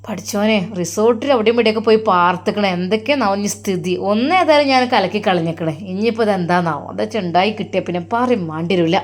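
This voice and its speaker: A woman's voice: mid-range voice, quick pace, hardly any pauses, close to an everyday voice. A woman voicing an anxious, complaining middle-aged mother, speaking with a Malappuram Malayalam accent. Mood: worried. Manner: complaining, fretful.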